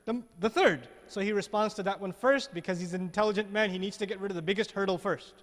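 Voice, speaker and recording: A man's voice: high-pitched, quick pace, fairly bright tone, long reverb tail. A man giving a Quran commentary lecture, asking the audience rhetorical questions and repeating words as he searches for them. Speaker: religious lecturer.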